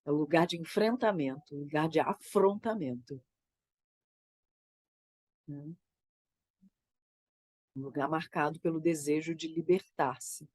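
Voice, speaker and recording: A Brazilian Portuguese-accented woman who creates theater reflects on her work while recovering from a cold. She speaks thoughtfully and haltingly, often ending sentences with "né?", in a low, darkish voice with no echo.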